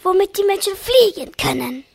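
A gentle, dreamy old painter and inventor from a cartoon. He talks in a slow, hushed whisper that sits very high for an old man. The whisper comes with a gravelly edge. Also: expressive, very noisy, exaggerated voice. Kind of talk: cartoon voice acting.

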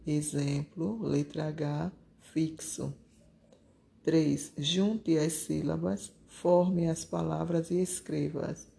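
A teacher, correcting workbook exercises aloud and repeating each answer word slowly and deliberately. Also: mid-range voice, gravelly, warm tone. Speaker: primary school teacher.

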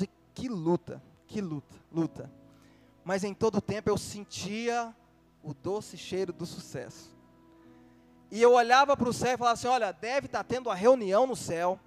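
A man preaching a testimony in a sermon, telling his story with emotion and acting out the dialogue. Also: high-pitched.

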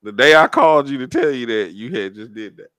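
A man's voice: mid-range voice, brisk, fairly bright tone, dry recording. A man co-hosting a podcast in casual banter, teasing and swearing freely in slangy talk. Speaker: podcast co-host.

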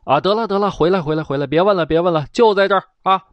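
A man storyteller voicing a commanding, jovial middle-aged emperor who calls out loudly in a raised voice. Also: high voice, racing, dry recording, highs cut off, voice pushed up, lightly acted. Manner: loud, raised and playful.

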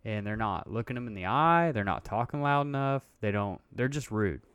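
A man in casual podcast banter, blunt and crude with a joker's edge. His voice sits low and smooth. The sound is close and dry, with no room around it. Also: animated, normal speed, fairly bright tone, dry recording. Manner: profane, blunt and joking. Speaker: podcast co-host.

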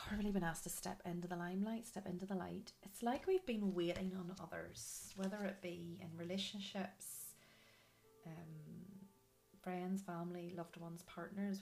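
Unhurried, creaky-voiced woman reading cards. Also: lowish voice, darkish tone. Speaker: spiritual card reader hosting a video. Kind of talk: casual spoken card reading and guidance to viewers.

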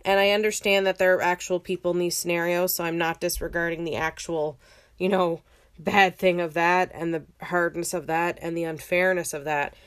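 A woman in her thirties with a slightly low voice talks casually as a solo podcast host. She is reflective and informal, often correcting herself as she goes. It is a home recording made in a bathroom. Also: little pitch movement, normal speed, a bit bright, clear, resonant tone. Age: 30s. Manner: informal, hesitant phrasing with frequent "like" and self-corrections.

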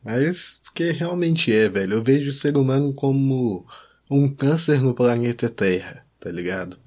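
A man's voice: mid-range voice, expressive, unhurried, darkish tone. A Brazilian man chatting casually and using plenty of slang.

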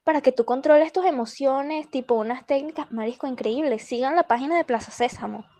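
A woman's voice: high-pitched, fairly quick, dark tone. A young woman with a Venezuelan accent co-hosting a podcast, laughing often and talking in slangy, self-mocking casual chat. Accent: Venezuelan Spanish. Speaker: podcast co-host.

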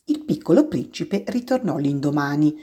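A woman narrating a storybook reading in a calm, tender way. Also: low voice, moderate pace, slightly rough.

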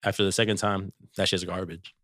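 A man's voice: low voice, little pitch movement, a little fast, a bit bright, no echo, clean studio sound. A man co-hosting a casual hip hop podcast, rambling with lots of "like" and "bro". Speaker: podcast co-host. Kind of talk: casual hip hop album review chat.

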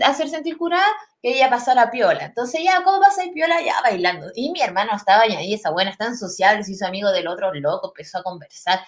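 Chatty Chilean woman telling a story. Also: fairly high pitch. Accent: Chilean Spanish. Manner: animated, slangy, breaks into laughter. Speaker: podcast host. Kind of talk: casual storytelling.

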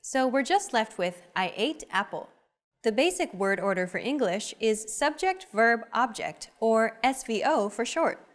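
Bright-voiced woman hosting a lesson. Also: fairly high pitch, expressive. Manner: clear, measured explaining. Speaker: language lesson host. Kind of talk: scripted lesson narration.

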